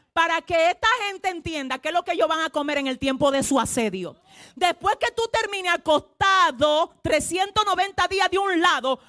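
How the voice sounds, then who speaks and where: High-voiced woman preaching a sermon. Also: no echo, studio quality. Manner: preaching with call-and-response to the congregation; swings from hushed asides to loud shouted proclamations. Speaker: pastor.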